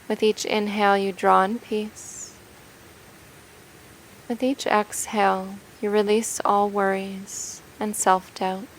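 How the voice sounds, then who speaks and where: A woman guides a meditation in a gentle, soothing, unhurried voice of medium pitch and level tone, leaving long pauses between phrases. The audio is poor, with a little hiss or hum.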